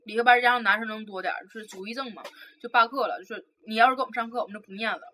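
Podcast co-host: young Northeastern Chinese woman, high voice, lively storyteller. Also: very fast, slight background noise. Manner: animated gossiping, acts out voices. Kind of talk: casual storytelling chat.

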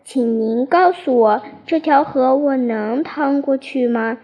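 A woman's voice: high voice, slow pace, slightly rough, lo-fi sound, full character voice. A woman voicing an eager, timid young colt, childlike and hesitant. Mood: asking.

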